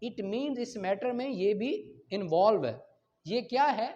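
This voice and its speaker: Speaking slowly in a warm, high voice with lively intonation, this Pakistani-accented man teaches law by reading statutes and then unpacking them. He asks rhetorical questions and checks that his students are following along. The recording is dull and lo-fi, carrying a slight hiss or hum.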